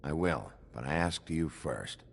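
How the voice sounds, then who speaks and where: Deep, gravelly, weary lawman. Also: expressive, unhurried, a little hiss or hum, heavily acted. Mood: questioning, wary. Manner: terse, world-weary. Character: gruff, weary male wolf-man lawman, tough but restrained. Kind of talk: video game character acting.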